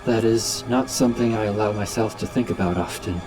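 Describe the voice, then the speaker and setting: A man's voice: fairly low pitch, brisk, over music, close to an everyday voice. A man voicing a troubled android ninja who speaks formally and precisely, in a fan-made audiobook.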